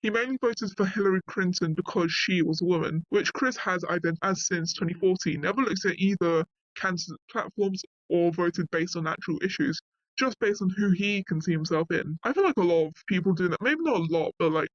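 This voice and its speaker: A man's voice: sits high, a little fast, dry recording, muffled recording. A man reading a wiki article aloud and breaking off into casual asides, often saying "like". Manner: reads passages, then breaks off into offhand asides with frequent "like".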